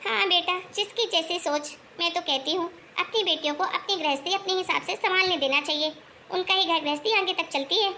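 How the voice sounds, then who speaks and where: A woman voicing an older mother in a cartoon, calmly advising her daughter and joking dryly. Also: very high voice, fairly quick, slight background noise, heavily acted. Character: calm older mother giving advice by phone.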